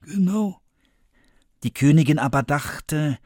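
A man reading a fairy tale aloud for children with expressive, lively storytelling. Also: medium pitch, measured pace, no room sound, studio quality. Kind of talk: scripted storybook narration for children.

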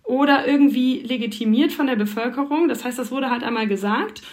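Higher-voiced woman explaining at length. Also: brisk. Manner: thoughtful, explaining at length with frequent fillers. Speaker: foreign correspondent. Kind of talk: explanatory interview answers.

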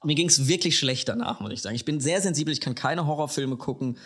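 A man from Lower Franconia in Germany, co-hosting a casual podcast chat and telling a story in an animated way that slows down for emphasis. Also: husky. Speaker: podcast co-host.

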